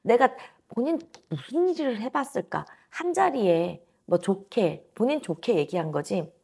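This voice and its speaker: A woman's voice: mid-range voice, big pitch swings, normal speed, mellow, husky. A woman in her thirties giving a blunt, emphatic fortune-telling reading to a client, speaking into a lapel mic in a small indoor office. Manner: blunt, emphatic, talks down informally. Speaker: fortune teller.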